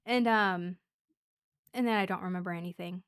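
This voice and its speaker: A woman who works as a dental hygienist, a podcast guest telling personal stories in an animated, laughing way. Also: on the low side, normal speed, clean tone. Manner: animated storyteller, laughs often. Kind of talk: casual podcast conversation.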